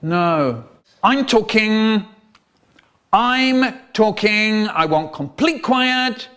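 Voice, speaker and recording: Man's voice cut and spliced word by word, slightly high, slow delivery, jarring edits. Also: lively intonation, clean tone. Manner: jumpy, jarring shifts in pitch and loudness between words. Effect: spliced together word by word from clips. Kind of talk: choppy spliced storytelling.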